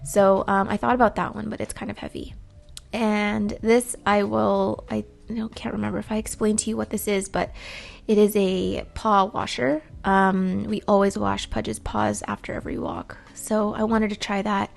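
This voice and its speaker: A woman vlogger narrating a shopping trip in a casual, rambling way, her voice a bit rough from just waking up. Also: medium pitch, little pitch movement, normal speed. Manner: chatty and rambling, with frequent ums. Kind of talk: casual vlog voice-over.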